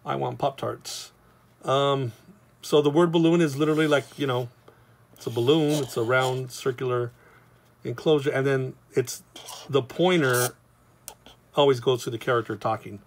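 Chatty comics teacher. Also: male voice, mid-range voice, steady tone, moderate pace, long pauses. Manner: rambling, loose and chatty, with many fillers. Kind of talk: casual drawing tutorial.

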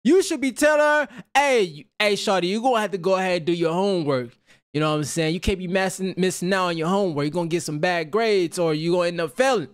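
A man's voice: sits high, fast, clean tone. Hyped young man reacting with slang. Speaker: reaction channel host. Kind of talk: casual reaction commentary. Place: home room. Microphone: headset with desk mic.

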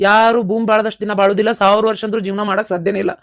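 In a cartoon, a performer voices a stubborn, determined young villager intent on becoming a soldier, using a North Karnataka Kannada accent. The delivery is earnest, racing and lightly acted, in a mid-range voice with a level tone.

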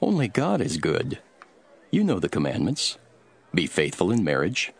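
Low, expressive Jesus teaching solemnly. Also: male voice, husky, exaggerated voice. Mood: firm teaching. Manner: solemn, measured storytelling. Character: Jesus, solemn male teacher telling parables. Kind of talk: dramatised scripture reading.

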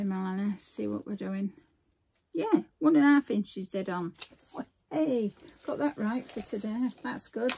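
Her voice high, a bit mellow, and edged with breathiness, an older woman vlogs from home about her craft supplies. It's a chatty show-and-tell where she rambles and frequently stops partway through sentences.

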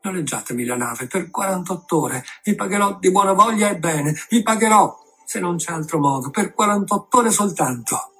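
Male reader doing a frantic begging sea captain, high and loud, very emotional. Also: moderate pace, soft background music, lightly acted. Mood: pleading. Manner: pleading, emotional. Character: desperate pleading male ship captain, father.

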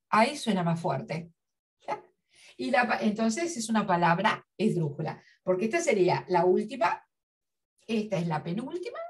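Woman teacher, slow, lively pitch, slightly high, heard from a distance. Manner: slow, spells out syllables, repeats examples. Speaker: literature teacher. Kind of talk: classroom lesson.

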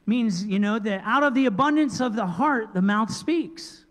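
Middle-aged male pastor, high voice, lively sermon delivery, handheld mic, long church echo. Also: moderate pace. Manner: lively preaching, jumps between loud emphasis and quiet asides. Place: large church sanctuary. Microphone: handheld microphone.

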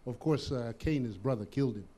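Brief: thoughtful male guest, mellow tone, unhurried and sincere. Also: medium pitch. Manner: earnest, reflective, repeats words as he thinks. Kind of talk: casual interview chat.

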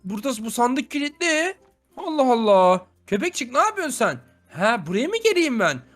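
A man playing a grumpy, unlucky young man in an animated game video, grumbling and exclaiming often. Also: very high-pitched, brisk, loud music behind the voice. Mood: cooing. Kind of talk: animated game role-play.

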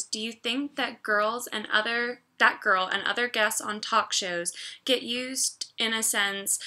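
A woman's voice: fairly high pitch, pushed and bright. A young woman recording a class response at home on her computer, reading quotes aloud and commenting with frequent ums. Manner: reads quotes then comments, many ums. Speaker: education student. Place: home room with puppies. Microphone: computer mic.

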